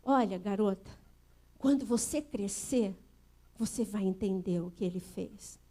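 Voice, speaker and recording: A woman's voice: mid-range voice, a little slow, dark tone, pitched below the performer's own voice, close to an everyday voice. A Brazilian woman pastor voicing her stern older sister, who bluntly scolds a little girl.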